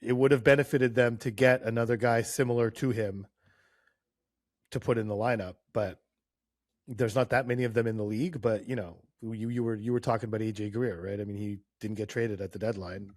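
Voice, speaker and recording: A man's voice: fairly low pitch, brisk, dry recording. Man telling a hockey story, dry mic. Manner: animated storyteller, laughs, stammers. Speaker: hockey podcast co-host. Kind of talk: casual chat, storytelling.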